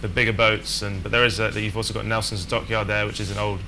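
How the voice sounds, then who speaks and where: A sailing skipper from England chatting casually in an interview, relaxed and full of fillers and restarts. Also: male voice, on the low side, quick pace, a little hiss or hum.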